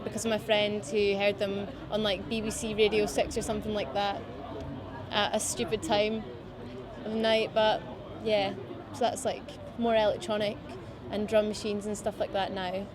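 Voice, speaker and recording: A woman's voice: medium pitch, normal speed. A woman in her twenties with a Scottish accent, chatting casually about her music in an interview, rambling with lots of fillers. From Scottish Highlands. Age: 20s. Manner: relaxed, rambling with many fillers. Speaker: musician guest. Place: outdoors by a city riverbank. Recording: outdoor crowd noise behind.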